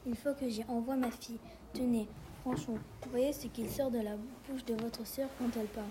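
A woman reading a mother's lines from a fairy tale aloud in a flat way. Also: a little high, fairly quick, noisy background.

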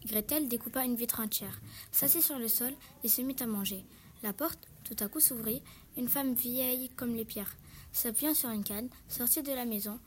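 A woman reading a fairy tale aloud in steady storybook narration. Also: fairly high pitch, moderate pace, slight background noise.

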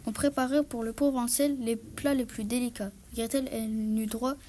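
A woman's voice: a little high, fairly even intonation, moderate pace, dark tone, slight background noise. A woman reading a fairy tale aloud in plain storybook narration.

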